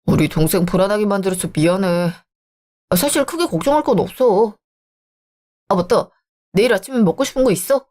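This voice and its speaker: A woman voicing a bossy married man who pushes and scolds in a lowered voice. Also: animated, a little fast, long pauses, darkish tone, lightly acted. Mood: coaxing. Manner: pushy, scolding, lower-pitched. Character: bossy married man, sister-doting husband.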